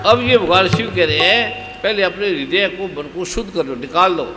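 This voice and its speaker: A man with a fairly high voice leads a spiritual gathering, calling out instructions to close the eyes and let everything out. He speaks in commanding, repeated exhortations. His voice rings through a long hall reverb, with faint music behind. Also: brisk. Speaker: spiritual guru leading a gathering. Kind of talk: guided meditation and cathartic exercise. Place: large hall at a religious gathering.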